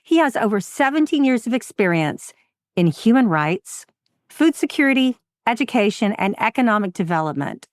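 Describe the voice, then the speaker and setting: A woman hosting an interview podcast, enthusiastic and quick to laugh, reading a guest introduction and asking questions. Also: on the high side, big pitch swings, no echo, studio quality. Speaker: podcast host.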